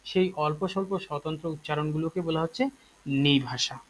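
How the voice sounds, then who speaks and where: A man teaches an online lesson in a voice pitched a little high. He explains step by step, pausing on fillers and checking in with his students. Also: a little hiss or hum, poor audio. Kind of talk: online class lecture.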